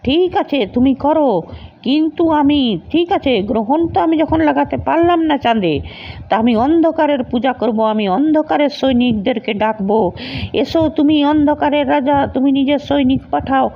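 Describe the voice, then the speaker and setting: A woman's voice: sits high, normal speed, pitched above the performer's own voice. A woman voicing a scheming male villain sorcerer who calls on the powers of darkness, in a raised, strained, declaiming voice. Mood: defiant. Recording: dull lo-fi recording.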